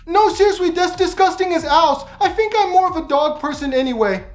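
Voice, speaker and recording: A man voicing a squeamish, smart-aleck young cartoon guy in a high, whiny, mouthy voice, recorded into a phone. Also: expressive, fairly quick, soft background music. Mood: grossed out.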